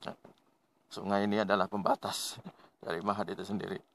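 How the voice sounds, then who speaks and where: A man's voice: on the low side, brisk, a little hiss or hum. A man hosting a motorcycle vlog, chatting casually to viewers as he rides and laughing now and then. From Indonesia. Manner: relaxed, chatty, laughs often, addresses viewers as friends. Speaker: motovlog host. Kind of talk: casual riding commentary. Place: riding a motorbike outdoors on rural roads.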